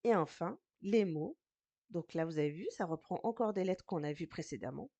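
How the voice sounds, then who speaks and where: A patient woman teacher walks learners through an Arabic reading lesson in French, slowly sounding out each syllable. Her voice sits a little low, mellow and soft-edged, in a dry, close-sounding room with no echo. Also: lively intonation. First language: French speaker teaching Arabic. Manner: patient, slow, spells out syllables. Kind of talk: recorded lesson explanation.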